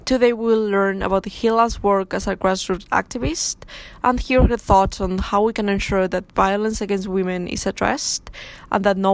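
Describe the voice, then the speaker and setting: A young woman intern introducing a guest and asking questions in a friendly, clear reading. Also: medium pitch, no room sound, rough recording. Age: young adult.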